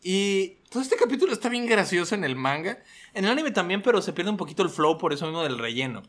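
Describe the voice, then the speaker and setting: A man, hosting a casual podcast and retelling scenes in an animated way, laughing often. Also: high voice, fast. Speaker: podcast host.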